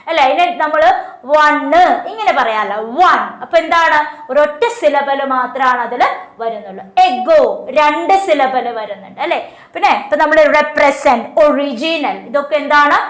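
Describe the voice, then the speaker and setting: Woman teacher, high voice, answers her own questions, echoey room. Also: a bit bright. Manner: asks questions and answers them herself; reads English questions slowly, explains quickly. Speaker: exam coaching teacher. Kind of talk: online class lecture.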